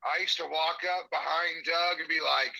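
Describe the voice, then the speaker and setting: Man on phone speaker, gravelly and bright. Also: on the high side, steady tone, no room sound, low-quality recording. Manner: jokey, talks in quick bursts. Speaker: caller on the phone. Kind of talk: casual chat. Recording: phone audio held up to a studio mic.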